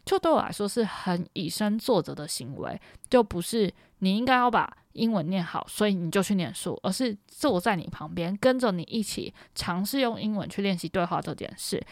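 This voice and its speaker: A woman's voice: mid-range voice, lively intonation, brisk, hardly any pauses, dry recording, clean studio sound. A young woman from Taiwan's Matsu islands, hosting a podcast and telling a story in a chatty, rambling way full of fillers and self-corrections. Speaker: podcast host. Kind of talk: casual storytelling monologue.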